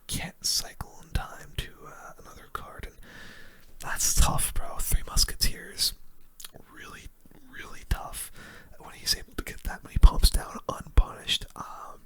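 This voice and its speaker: A little slowly, a gaming host offers casual ASMR commentary in a hushed, breathy whisper right up against the microphone, thinking out loud as the game goes on.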